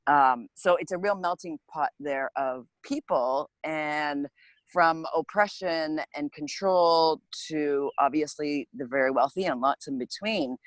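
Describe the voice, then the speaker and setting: A woman's voice: low-pitched, measured pace, no echo, low-quality recording. A woman hosting a casual group video chat, introducing a guest with enthusiastic, effusive praise. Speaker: host.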